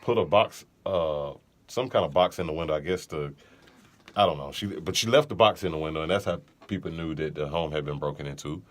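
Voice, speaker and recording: A man's voice: extremely low pitch, a little fast. A man co-hosting a podcast, chatting casually and telling funny stories in a laid-back, joking way. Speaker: podcast co-host. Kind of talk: casual chat.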